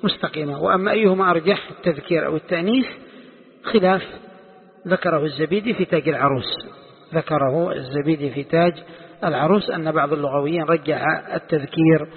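A man with a slightly high, gravelly and husky voice teaches a classical text. He explains slowly, repeats phrases and puts questions to his listeners. The sound is thin and phone-like, with a long hall reverb. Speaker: Islamic scholar teaching tafsir.

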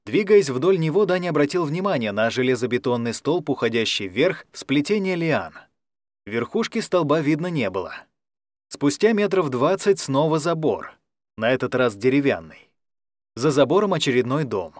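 A man narrating a science fiction story in an even, measured reading. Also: mid-range voice, no echo, clean studio sound. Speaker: audiobook narrator.

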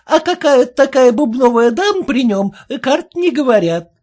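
A woman's voice: high voice, expressive, normal speed, a little mellow, voice pushed up. A woman voicing a fawning, chatty middle-aged peddler woman in an audiobook, with a wheedling sing-song manner. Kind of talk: audiobook reading.

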